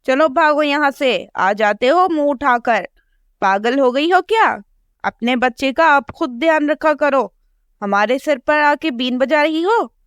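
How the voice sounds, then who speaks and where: A woman's voice: sits high, expressive, unhurried, dry recording, pitched above the performer's own voice. A woman voicing a rude, bossy cartoon crow wife who talks shrilly. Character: rude nasty female crow.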